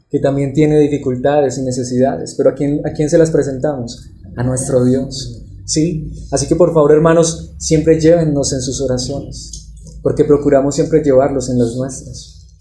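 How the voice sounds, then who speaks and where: Male pastor, earnest sermon, fairly high voice, very mellow tone, echoey church room. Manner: warm, earnest, with frequent rhetorical questions. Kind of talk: expository sermon.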